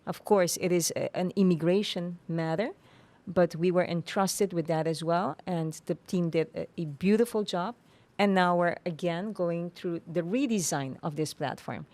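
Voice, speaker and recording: A woman with an Aruban accent explaining things formally and in measured, hesitant phrases as an interview guest. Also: fairly low pitch, a little mellow. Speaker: tourism authority official, interview guest.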